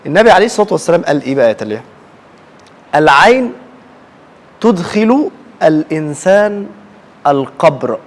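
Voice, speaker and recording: Egyptian woman teaching kids in a fast call-and-response. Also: low voice, big pitch swings. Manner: asks questions and repeats the answers back. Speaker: religious teacher of children. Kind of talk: call-and-response classroom lesson. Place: classroom with children.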